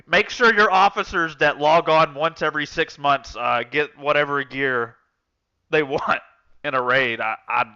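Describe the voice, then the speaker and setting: A man with a fairly high, bright voice, chatting through a gaming stream. He rambles and restarts as he tells his stories. The sound is dull and lo-fi. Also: a little slow, clear, resonant tone. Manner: rambling storytelling, many restarts and fillers. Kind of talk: casual gaming stream chat.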